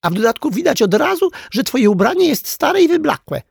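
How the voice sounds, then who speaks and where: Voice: sits high, sing-song, fairly quick, gravelly, a little mellow, no room sound, studio quality, voice pushed up, exaggerated voice. A storyteller voicing a spoiled, haughty princess doll who sneers at a dirty toy, in a children's storybook reading. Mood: scornful. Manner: sniffy and scornful.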